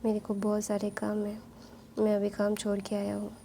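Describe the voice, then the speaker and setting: A woman's voice: medium pitch, monotone, normal speed, vocal fry, mellow, slight background noise, lightly acted. A woman voicing a stern young king in a told story, speaking curtly and firmly. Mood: hurried.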